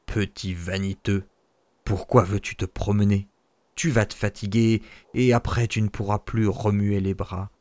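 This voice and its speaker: A man voicing a poor, worried old woodcutter who cautions his son in a low voice. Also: little pitch movement, a little slow, darkish tone, no echo, natural voice. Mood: cautioning.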